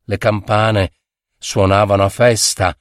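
A man narrating a literary short story in a measured, expressive reading on a close mic. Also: on the low side, no echo. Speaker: audiobook narrator.

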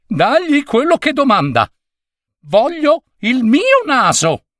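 A man voicing a panicked, pompous middle-aged gentleman who keeps shouting shrilly in a storybook. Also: very high voice, huge pitch swings, slow, no room sound, studio quality, voice pushed up, exaggerated voice. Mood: desperate.

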